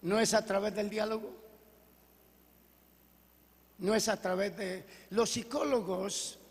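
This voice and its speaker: Male pastor, high voice, preaching with call-and-response, long hall reverb. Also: steady tone, takes it slowly. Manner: preaching with call-and-response questions and Bible reading. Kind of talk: sermon. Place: church hall.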